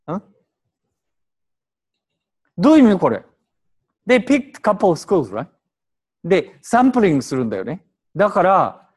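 A high-voiced man teaches an English translation class in Japanese, prodding his students with questions and switching into English.

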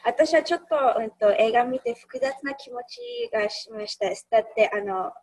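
A woman's voice: high voice, very animated, moderate pace, creaky, a little mellow, low-quality recording. A woman in casual discussion of a film, talking hesitantly with many fillers. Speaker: discussion participant.

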